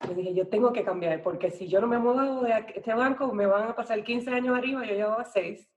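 Speaking briskly in a fairly high, slightly mellow voice, a middle-aged Puerto Rican woman in real estate and banking shares her story on a podcast as a guest. She is chatty, her Puerto Rican accent clear as she mixes in English business terms, and the audio has its highs cut off.

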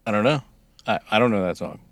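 Wisecracking podcast co-host, dry close sound. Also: male voice, lowish voice, animated, fast talker, no room sound. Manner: wry quips, mock-official put-on voices. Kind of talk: casual podcast banter.

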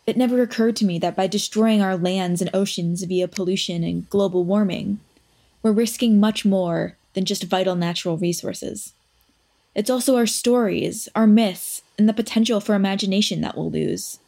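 A woman narrating a documentary in a thoughtful, measured scripted way. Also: medium pitch, vocal fry, warm tone.

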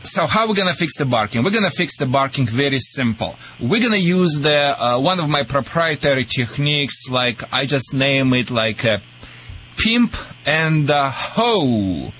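A man from Russia with a Russian accent hosts a radio call-in show, giving jokey dog-training advice in halting English with repeated words. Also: medium pitch, expressive, bright, forceful tone, breathy edge.

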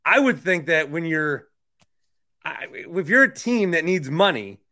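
An American man hosting a podcast interview, chatting casually about sports and politics in a rambling way with animated asides. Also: on the high side, measured pace. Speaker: podcast host interviewing a guest.

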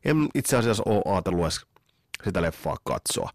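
A middle-aged man with a very low voice hosts a podcast solo. He talks casually and with strong opinions, mixing nostalgia with sarcastic asides. The sound is close and dry, with no room around it. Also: big pitch swings, creaky, no room sound. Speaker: podcast host. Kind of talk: casual monologue.

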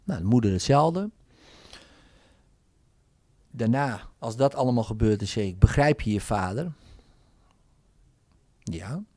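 A man's voice: medium pitch, measured pace, pauses often, no echo. A man, a hypnotherapist telling in casual talk how he works, acting out bits of his sessions. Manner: animated storytelling, acting out client dialogues.

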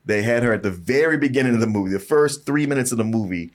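A man's voice: mid-range voice, animated, quick pace. A man co-hosting a movie podcast, talking in a casual, blunt, profane way with plenty of energy. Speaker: podcast co-host. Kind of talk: casual chat.

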